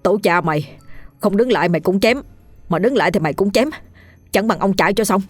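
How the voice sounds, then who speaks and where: A woman's voice: medium pitch, expressive, dry recording, faint music behind, natural voice. A woman voicing a cowardly, battered young man who pleads and curses back in a hurry, in an audio ghost story. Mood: scared. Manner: hurried, pleading.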